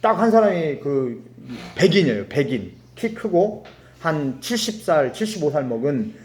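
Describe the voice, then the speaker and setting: A middle-aged pastor from Korea preaching a sermon. His voice sits high and swings widely in pitch. He slips into acted-out dialogue and laughs as he tells a story. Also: normal speed, roomy sound. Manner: animated, laughing asides.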